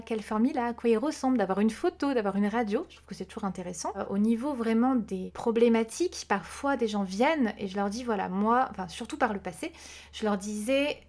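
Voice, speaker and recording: A woman who works as a vocal coach, explaining her ideas in a relaxed interview with frequent hesitations. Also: medium pitch. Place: podcast recording.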